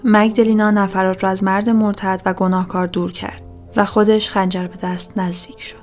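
A woman telling a true-crime story in a steady, dramatic narration. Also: medium pitch, faint music behind.

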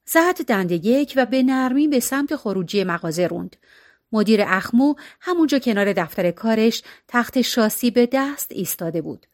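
A woman narrating a story in a steady storytelling voice, shifting expressively from line to line. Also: a little high. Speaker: audiobook narrator.

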